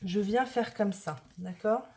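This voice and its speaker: A woman from northern France talks viewers through a craft project at an unhurried, easy pace. Her voice is soft and mellow, with a chatty, homely manner as she works with her hands, and a faint hiss sits under it. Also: medium pitch. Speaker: craft tutorial host. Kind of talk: casual craft tutorial narration.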